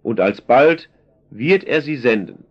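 A calm, authoritative male teacher, read aloud by a man addresses his followers in slow, solemn tones. The manner is measured and gently commanding, and the recording is dull and lo-fi. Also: mid-range voice, husky.

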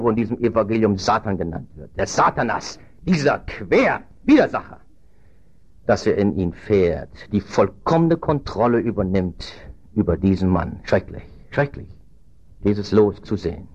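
A man preaching a sermon in earnest, dropping low and quiet, then rising loud and high for emphasis. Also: expressive, moderate pace, highs cut off.

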